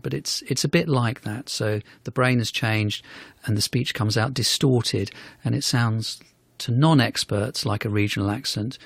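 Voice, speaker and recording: A man of middle pitch explains things patiently, pausing to hedge and qualify as he goes. His voice is close and dry, with no room sound around it. It sounds like an expert speaking at a studio microphone. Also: vocal fry, breathy edge, no echo. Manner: measured, thoughtful, fond of hedges such as "sort of". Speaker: neurology professor. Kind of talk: explaining in a radio interview.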